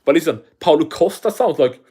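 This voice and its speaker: His voice is high-leaning, brisk, warm and husky, with lively intonation. He's a man with a thick non-native accent running a casual livestream, cursing and rambling through viewer comments and restarting often.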